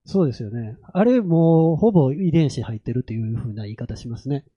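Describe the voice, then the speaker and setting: A man's voice: medium pitch, animated, fairly quick, breathy edge, no echo, lo-fi sound. A man with a Kansai accent chatting and explaining things as a guest, often adding short affirmations. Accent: Kansai Japanese. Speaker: guest, horror and ghost-story writer. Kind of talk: casual talk show conversation, explaining.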